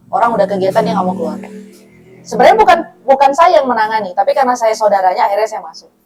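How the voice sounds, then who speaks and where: Woman, religious talk, fairly high voice, conversational, checks in with the audience. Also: a little mellow. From North Sumatra, Batak. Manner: acts out dialogue, laughs often. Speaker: Islamic women's study speaker.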